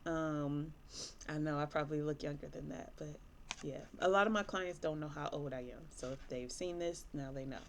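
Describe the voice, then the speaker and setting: A licensed therapist from Michigan, USA, in her thirties, talks casually and openly to camera, wandering through her points with lots of fillers while sniffling from allergies. Her low voice holds a steady tone at a normal speed, with vocal fry and a touch of hiss or hum.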